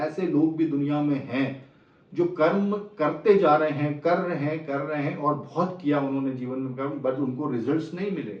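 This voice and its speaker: A middle-aged man gives an explanatory lecture as an astrologer, mixing phrases into his Hindi and repeating his key points. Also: fairly high pitch. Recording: roomy, distant, slightly dull sound.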